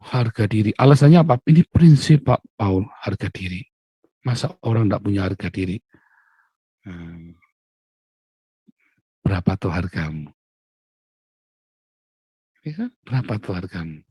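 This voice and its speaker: A male pastor giving a colloquial morning devotional sermon. He swings between loud, emphatic bursts and quiet, low asides. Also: animated, a little slow, long pauses, slightly rough, no echo.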